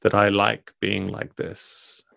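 A man's voice: on the low side, monotone, takes it slowly, gravelly, fairly bright tone, no echo, full character voice. A man voicing a female dragon in a proud, goading, imperious dragon voice. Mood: defiant.

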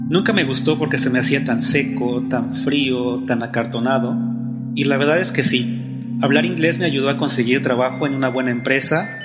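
A man with a Mexican Spanish accent, narrating in a measured, reflective way and asking questions as host. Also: mid-range voice. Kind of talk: scripted narration. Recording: dull sound with reverb over music.

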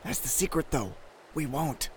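A man's voice: fairly high pitch, very animated, moderate pace, slight background noise, rough recording. A man playing a hesitant, wry young soldier who stammers, in a comedic audio drama.

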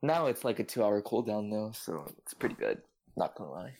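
A young man chatting casually in bro-ish gamer slang, swearing and haltingly circling back with lots of "like". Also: on the low side, sing-song, darkish tone. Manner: halting, many repeats of "like". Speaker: competitive video game player on a podcast. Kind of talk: casual chat.

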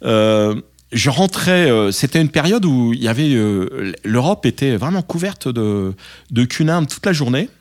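Guy recounting a flight, lots of euh and restarts, mid-pitched voice. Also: sing-song. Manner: halting, many fillers and restarts; acts out radio calls in English. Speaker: pilot telling a story. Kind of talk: casual anecdote.

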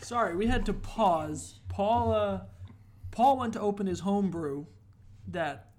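A young man hosting a casual podcast, telling a story in an animated, swearing way. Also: high voice, a little slow. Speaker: podcast host. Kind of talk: casual chat. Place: apartment room.

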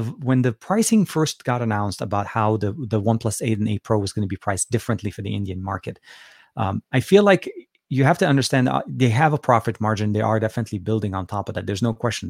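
This man, from Lebanon with Arabic as his first language, chats with viewers during a live-stream Q&A in an office. His voice is fairly low and a little mellow, captured without echo on a close dynamic studio mic. He peppers his answers with fillers and frequent restarts.

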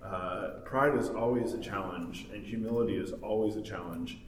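A man's voice: lowish voice, moderate pace. A man in his thirties talking casually in a group discussion, rambling with many fillers and laughs. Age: 30s. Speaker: study group member. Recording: roomy, distant mic, faint noise.

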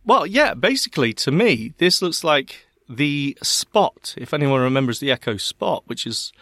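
Man, West Country Bristolian accent, higher-pitched, very lively intonation, playful podcast banter, theatrical delivery. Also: moderate pace, no room sound, clean studio sound. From Bristol, England. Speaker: podcast co-host. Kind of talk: casual banter.

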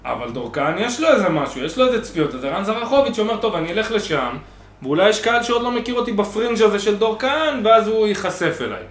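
Brief: loud, animated male podcast co-host, high lively voice, roomy faintly noisy room. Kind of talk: casual podcast banter.

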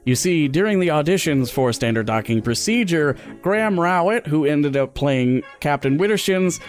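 A man's voice: a little high, animated, moderate pace, soft background music. A man hosting and editing a podcast, giving casual behind-the-scenes commentary in a wry, playful way. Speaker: podcast host and editor.

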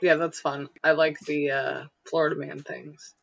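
A woman's voice: deep voice, little pitch movement, moderate pace, gravelly, no echo, dull audio. A woman from Illinois in a casual chat with a friend, rambling with many fillers and giggling. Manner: rambling, lots of likes and uhs, giggly. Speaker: friend chatting.

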